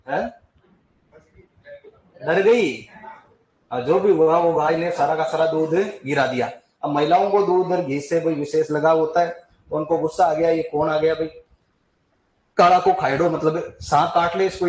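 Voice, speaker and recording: A man tells a folk legend to a class, chatty, with asides and questions to the students and frequent throat clearing. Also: a little high, darkish tone, reverberant, low-quality recording. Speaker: teacher. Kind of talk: storytelling lesson on folk deities.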